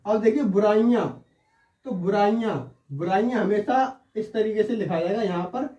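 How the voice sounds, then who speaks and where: A man's voice: sits high, moderate pace, dark tone, muffled recording. A man teaching Hindi spelling in an online lesson. He goes through the words one by one and keeps checking in with his listeners. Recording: roomy sound, mic at a distance.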